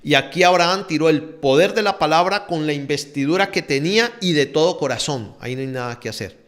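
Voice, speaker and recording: A man's voice: on the high side, fairly quick, fairly bright tone. A man preaching a sermon in an emphatic, conversational way, repeating key phrases. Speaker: pastor. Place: church.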